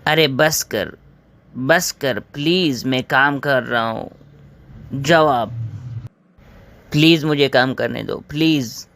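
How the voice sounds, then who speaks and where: Brief: male actor as irritated young man, mid-pitched, dismissive and exasperated. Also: vocal fry, pauses often, fairly bright tone, a little hiss or hum. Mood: annoyed. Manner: impatient, exasperated. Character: impatient young man, dismissive, busy with work. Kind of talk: comedy skit acting.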